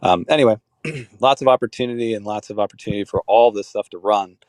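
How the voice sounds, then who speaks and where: A man's voice: on the low side, fast, darkish tone, no room sound, clean studio sound. A man leading a crypto club call, talking casually and rambling with many restarts and fillers.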